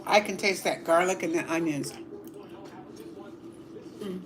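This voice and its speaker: A middle-aged woman hosting a casual livestream at home, chatting slowly while eating and savoring each bite with hums. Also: fairly low pitch, a crowd in the background. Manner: slow and relaxed, savoring food with hums. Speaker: livestream host.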